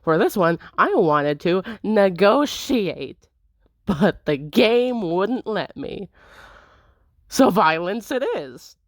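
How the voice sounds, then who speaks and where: A woman's voice: mid-range voice, animated, slow, no echo. A young woman hosting a let's play, narrating a visual novel and chatting casually and wryly about it on a close desk mic. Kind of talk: game commentary and narration.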